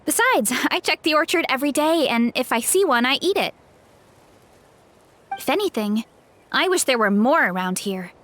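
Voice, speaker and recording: This is game voice acting: a woman with a high, fairly bright and exaggerated voice plays a young tribeswoman who is cheerful and relaxed. Her delivery stays upbeat and breezy, and she laughs readily throughout.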